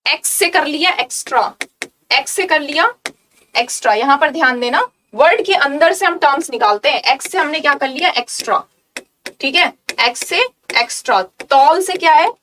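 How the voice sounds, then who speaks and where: Woman, vocabulary teacher, high voice, repetitive, keeps checking understanding. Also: expressive, normal speed, sharp tone, a little hiss or hum. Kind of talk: exam-prep vocabulary lesson.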